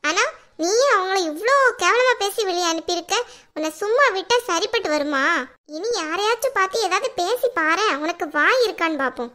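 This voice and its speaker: A woman's voice: very high voice, expressive, fairly quick, bright, forceful tone, full character voice. A woman voicing a young wife in a cartoon who has grown fierce and talks back sharply and sarcastically. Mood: defiant. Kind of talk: cartoon voice acting.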